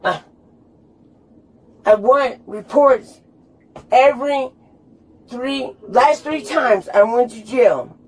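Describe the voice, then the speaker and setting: A woman's voice: a little high, slow pace, long pauses. A drunk woman being arrested, arguing with police in an insistent, repetitive, protesting way. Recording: noisy police body camera audio.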